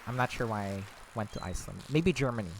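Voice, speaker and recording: Chatting as he plays a game, this Filipino gaming vlogger has a lowish, gravelly voice that is animated and quick. He rambles, sounds a bit breathless, fills gaps with ums, and drifts off topic easily. There's a slight hiss or hum in the background.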